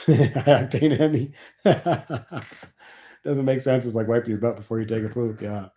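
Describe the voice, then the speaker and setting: Speaking at a measured pace, the host has a warm, steady, medium-pitched voice. He's a middle-aged Nebraskan with a sniffly cold, wandering through a live chat with viewers and making wry complaints about taxes.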